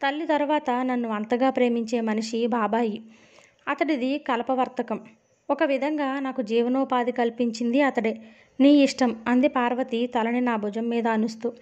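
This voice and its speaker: Woman narrator, Telugu accent, steady novel reading, slightly high voice, dull lo-fi recording. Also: normal speed.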